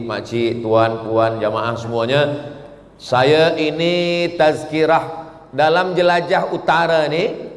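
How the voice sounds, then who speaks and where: A man in his forties delivers a sermon, telling stories with a lively, humorous touch. His voice sits at an ordinary middle pitch. The sound rings around a roomy hall with a long echo trailing each phrase. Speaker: preacher. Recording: echoey hall with long reverb.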